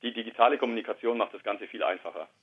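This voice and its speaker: A husky man in his thirties talks quietly and thoughtfully as a guest, often pausing and searching for words. His voice sits fairly low and comes through a thin, tinny phone line that strips away the fullness. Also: steady tone. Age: 30s. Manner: quiet, reflective, hesitant. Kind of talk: candid personal conversation.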